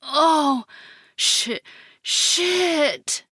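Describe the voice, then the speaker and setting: A woman voicing a passionate young woman in an audiobook, breathy and pleading. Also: high voice, expressive, drawn-out words, sharp tone, dry recording, studio quality, heavily acted. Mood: ecstatic. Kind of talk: audiobook character acting.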